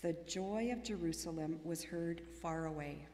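A woman leading a responsive psalm and reading scripture aloud in a church service, in a measured way. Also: sits low, warm tone, slight background noise. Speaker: scripture reader. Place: church sanctuary. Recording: echoey church hall reverb.

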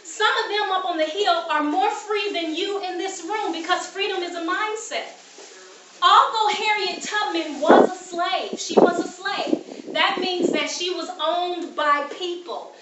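A woman's voice: very high voice, reverberant, distant mic, dull audio, background noise. A woman from the United States giving a keynote speech at a graduation, emphatic, repeating key phrases and putting questions to the audience. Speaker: keynote speaker. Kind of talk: motivational speech. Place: graduation ceremony room.

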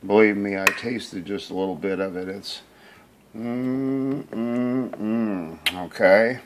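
A man's voice: fairly low pitch, slow, background noise. A man casually narrating a home cooking video in his kitchen, rambling and folksy with lots of fillers.

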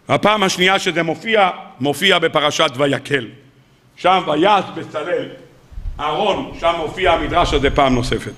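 Bright high-voiced rabbi giving a sermon. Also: male voice. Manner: animated, rhetorical questions, acts out quoted sages. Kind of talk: weekly Torah sermon.

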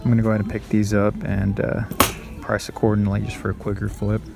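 A man in his thirties with a lowish voice talks through a casual vlog, relaxed and chatty with plenty of filler words. He records on a handheld phone held at arm's length, with music playing behind him. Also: fast, gravelly. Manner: easygoing, chatty, many "go ahead" and "uh" fillers. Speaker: sneaker reseller vlogger. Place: parked car and retail stores.

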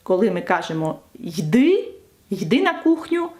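A woman's voice: mid-range voice, very animated, normal speed, darkish tone. A woman teacher explaining French grammar in a video lesson, stressing each example.

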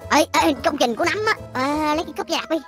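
A woman co-playing a game video, trading quick teasing banter. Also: sits high, expressive, music in the background. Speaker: co-player. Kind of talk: playful game role-play chat.

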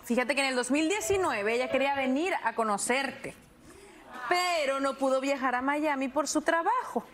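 High-voiced woman hosting a studio show. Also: normal speed. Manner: lively, playful banter. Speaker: TV show host. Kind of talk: upbeat live studio hosting. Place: large indoor TV studio. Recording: studio with live audience and band music.

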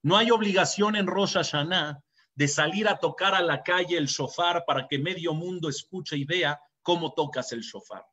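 A man's voice: on the high side, normal speed, bright, forceful tone, slightly rough. A young adult man with a Mexican Spanish accent, a rabbi giving an earnest sermon and telling stories. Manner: earnest and storytelling, with dramatic raised quotes. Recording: dull lo-fi recording.

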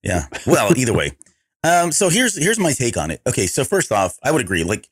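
A man hosting a podcast, talking in a hoarse voice with a loose, rambling, self-correcting manner. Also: medium pitch, wildly swooping pitch, a little fast, dry recording, clean studio sound. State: hoarse from allergies. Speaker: podcast host. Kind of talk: casual podcast chat.

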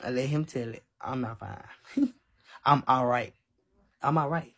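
Husky young man on a phone live stream. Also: medium pitch, measured pace, a bit bright. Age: 20s. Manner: candid, defensive, reads and answers chat. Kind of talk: casual live-stream talk to viewers. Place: small room indoors. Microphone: phone held at arm's length.

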